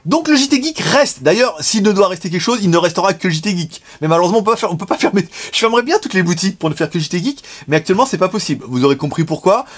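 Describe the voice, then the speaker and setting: A man's voice: high voice, lively intonation, very fast, hardly any pauses. A man talking straight to the camera in a casual update, frank and slangy, chuckling often. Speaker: vlogger and shop owner. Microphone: camera facing speaker.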